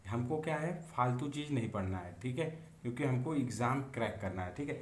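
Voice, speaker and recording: A man's voice: medium pitch, animated, a little fast. A man teaching an exam-prep civics lesson who repeats key terms and keeps asking rhetorical questions. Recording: echoey room, faint background hum.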